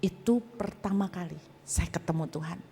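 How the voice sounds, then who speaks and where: A woman's voice: on the low side, moderate pace, gravelly, big-room sound, a little hiss or hum. A woman pastor preaching a sermon and telling her own testimony, acting out voices and speaking straight to the congregation. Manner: animated storytelling, acting out voices and addressing the congregation directly. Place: church hall.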